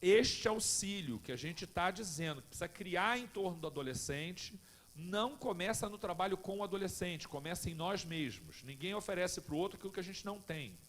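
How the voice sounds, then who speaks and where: A man's voice: sits high, moderate pace. A man lecturing at a spiritist family course, telling personal stories and speaking straight to the audience in a conversational way. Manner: lively, conversational, addresses the audience directly.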